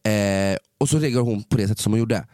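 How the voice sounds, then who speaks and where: A man co-hosting a casual chat, telling stories with lively acted-out quotes and frequent swearing. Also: fairly low pitch, no echo, studio quality. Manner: animated, acts out quoted exchanges in a raised voice; sprinkles English phrases and swearing. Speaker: podcast co-host.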